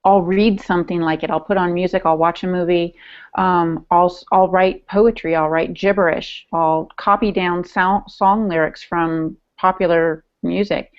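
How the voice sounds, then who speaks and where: A middle-aged American woman talks casually as a podcast co-host on a video call from a room at home. Her lowish voice is steady and moderately paced, picked up by an earphone headset, and the audio is dull and lo-fi.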